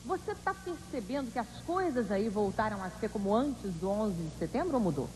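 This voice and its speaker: A Brazilian woman presents as a news host, scripted yet conversational. Her mid-pitched voice carries long reverb with a little background noise. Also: very animated, normal speed, darkish tone. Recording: reverberant hall with faint noise.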